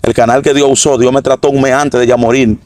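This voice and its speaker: A middle-aged man giving an earnest, halting religious testimony that repeats phrases. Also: medium pitch, level tone, darkish tone, no room sound. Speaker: former drug trafficker giving testimony.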